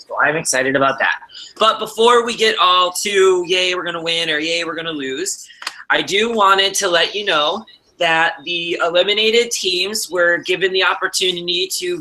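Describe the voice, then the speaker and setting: A man's voice: fairly high pitch, pushed and bright, low-quality recording. A man with a Wisconsin accent hosting a livestreamed game show in a casual, chatty way.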